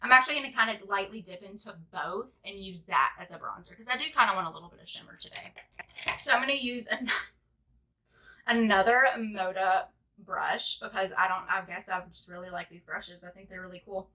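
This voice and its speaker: A woman's voice: medium pitch, fairly quick, bright, forceful tone. A woman in her twenties chatting casually through a makeup tutorial, rambling with lots of "like". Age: 20s. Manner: rambling, chatty, heavy use of "like". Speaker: beauty vlogger.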